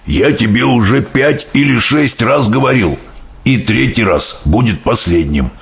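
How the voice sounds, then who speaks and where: A man voicing a big, gentle giant who mangles his words into odd coinages, in a storybook reading. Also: medium pitch, lively intonation, a little slow, vocal fry. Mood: grumbling. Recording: dull audiobook sound, faint music.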